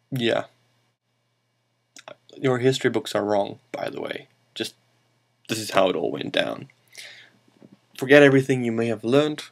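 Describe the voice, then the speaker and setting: A man's voice: mid-range voice, gravelly. A man hosting a show and telling an improvised comic story, rambling, correcting himself and making playful asides.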